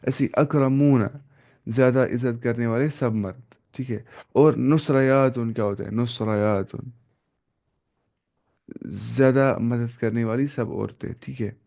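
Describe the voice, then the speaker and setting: Guy teaching arabic grammar, kinda gravelly, goes over each word form again and again, fixes his slips. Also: medium pitch, steady tone, dark tone. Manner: slow and repetitive, drilling word forms with self-corrections. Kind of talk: classroom grammar lesson.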